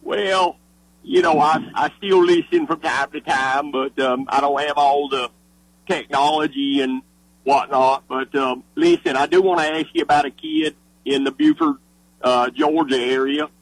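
A man's voice: a little high, a little slow, no room sound, rough recording. A man calling in to a radio sports show, chatting casually and hesitantly with plenty of fillers. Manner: hesitant, relaxed, with many fillers. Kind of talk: casual call-in chat.

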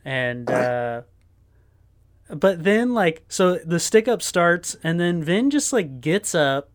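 A man chatting casually on a podcast, walking through a film scene by scene. He rambles along with plenty of ums and uhs, in a relaxed, conversational way. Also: fairly high pitch, takes it slowly. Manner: rambling scene-by-scene retelling with fillers. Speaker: podcast co-host. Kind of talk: casual movie-recap chat.

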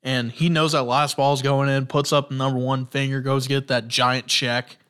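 A man's smooth, slightly bright, medium-pitched voice carries a level tone at normal speed as he hosts a casual solo sports podcast. Enthusiastic and rambling, he tells stories while often using fillers and starting sentences over.

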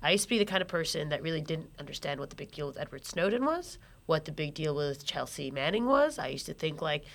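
A woman's voice: low-pitched, expressive, fast, creaky, hardly any pauses. A woman co-hosting a podcast, speaking in a reflective, informal way and swearing now and then. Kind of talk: casual discussion.

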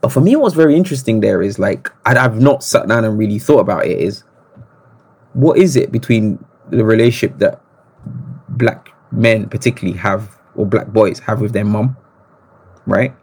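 A man, telling stories as a podcast guest in an animated, reflective way. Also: on the low side, moderate pace, slightly rough. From Congo. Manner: reflective, animated storytelling with restarts. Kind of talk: casual interview conversation.

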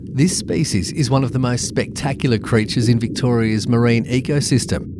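A man narrating a scripted podcast in a nature documentary style, with a measured, informative delivery. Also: mid-range voice, very noisy. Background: background music.

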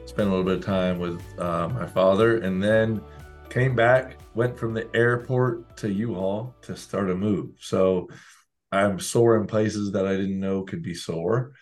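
A man with a hoarse, sick voice, co-hosting a podcast in a chatty, self-deprecating way. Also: sits low, fairly even intonation, a little slow, soft background music. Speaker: podcast co-host. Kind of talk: casual chat.

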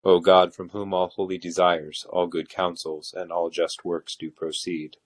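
A man with a low voice leads evening prayer. His delivery is solemn and measured, with little rise or fall as he recites the liturgy. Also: level tone. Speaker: officiant leading evening prayer.

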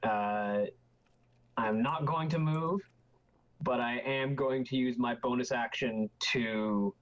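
A man's voice: mid-range voice, takes it slowly. Slightly muffled man playing a tabletop game. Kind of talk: casual game-table chat.

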